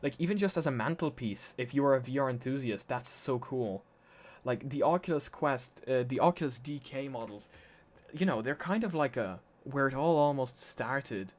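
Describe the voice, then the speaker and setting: A man's voice: medium pitch, expressive, normal speed. A man streaming live, chatting casually and thinking aloud as he explains his setup, his voice a little worn from talking.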